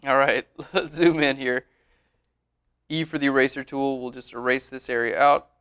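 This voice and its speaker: A man giving a relaxed, chatty screen-recorded tutorial on photo editing, often saying "all right". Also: mid-range voice, normal speed, clean tone.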